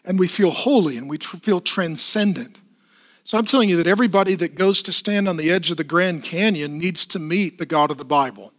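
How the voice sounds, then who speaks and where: A man with a fairly high voice preaches to his congregation in church. He keeps it lively, putting questions and quick asides to the people in front of him. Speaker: pastor. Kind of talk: sermon.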